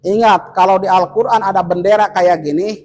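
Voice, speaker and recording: A man teaching tajwid to a group of village men, explaining rules patiently and chanting examples slowly. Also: high-pitched, fairly even intonation, noisy background. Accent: Indonesian. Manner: patient and instructive, chants verses slowly to demonstrate. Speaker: Quran recitation teacher. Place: village study gathering indoors.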